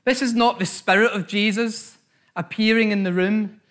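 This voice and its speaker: Man, pastor, sermon, earnest, repeats phrases, slightly high voice. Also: steady tone, normal speed, fairly bright tone.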